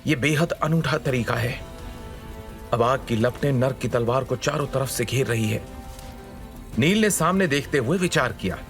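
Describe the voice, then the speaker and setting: A man with a fairly high, fairly bright voice narrates a scripted fantasy audio story in a dramatic storytelling manner, with background music playing behind him.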